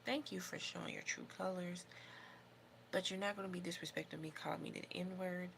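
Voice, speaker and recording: A woman's voice: on the low side, steady tone, fairly quick, vocal fry, fairly bright tone. An American woman chatting casually on a livestream as host, rambling and opinionated in an informal way, with noticeable background noise. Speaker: livestream host doing her makeup.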